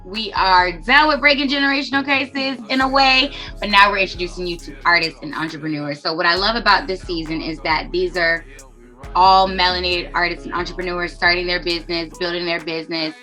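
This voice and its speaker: A woman's voice: on the low side, fairly quick, sharp tone, faint music behind. A woman hosting a podcast, chatty and enthusiastic, talking loosely over a video call. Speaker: podcast host. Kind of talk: casual video podcast interview.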